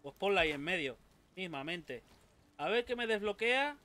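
High-voiced swearing gamer. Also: male voice, lively intonation, normal speed. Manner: swears often, yelps and shouts when attacked. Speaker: gaming YouTuber. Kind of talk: casual gameplay commentary.

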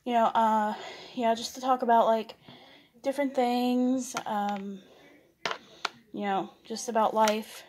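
Chatty young woman, slightly high voice. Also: fairly even intonation, slow, pauses often, darkish tone, slight background noise. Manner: rambling, many fillers and restarts. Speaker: vlogger. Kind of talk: casual mukbang chat while eating.

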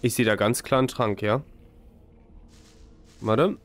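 A man's voice: mid-range voice, measured pace. A man in his thirties giving colloquial, joking let's play commentary into a close microphone. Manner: joking, colloquial, mock-exasperated. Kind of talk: casual gaming commentary. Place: indoor room at a desk. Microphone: close microphone on boom arm, with headset. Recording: faint game noise behind voice. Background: faint game ambience.

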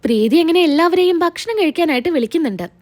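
High-voiced woman retelling a serial. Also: lively intonation, fast talker. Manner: chatty, storytelling. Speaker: serial recap narrator. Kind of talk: casual plot retelling.

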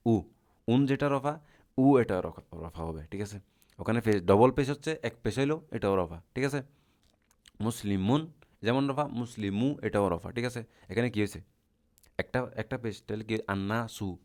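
Low-voiced man teaching grammar. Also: normal speed, a little mellow. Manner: asks the class questions and answers them himself, patient and repetitive. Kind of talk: classroom lecture.

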